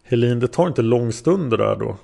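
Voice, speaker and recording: A man's voice: medium pitch, animated, creaky, mellow. A man voicing a male prosecutor who questions a witness step by step, in a methodical way. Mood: probing.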